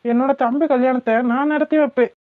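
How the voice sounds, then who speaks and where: A woman's voice: sits high, steady tone, brisk, no room sound, close to an everyday voice. A woman voicing a dutiful young adult eldest son in a cartoon, earnest and reassuring, with a southern Tamil Thoothukudi accent. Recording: tinny phone-like cartoon audio.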